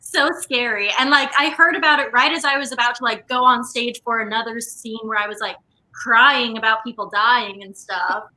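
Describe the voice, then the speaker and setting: A woman whose voice sits on the high side speaks at a moderate pace with fairly even intonation, sounding pushed and bright over poor audio. She is a guest, a stage actor from a theater company, chatting casually and telling stories informally.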